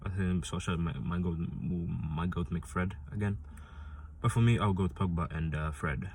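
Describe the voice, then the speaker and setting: With a deep, slightly mellow voice and fairly even intonation, a football fan channel host talks at normal speed in a casual prediction vlog. He rambles, repeats his points insistently and restarts often, using plenty of fillers. A little hiss or hum can be heard.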